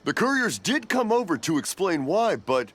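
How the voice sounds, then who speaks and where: An actor playing a cheerful, hard-of-hearing old fireworks maker who rambles and mishears. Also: male voice, high voice, sing-song, moderate pace, a bit bright, full character voice. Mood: cheerful, rambling. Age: older. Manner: rambling, mishears and repeats himself, chuckles. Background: game music.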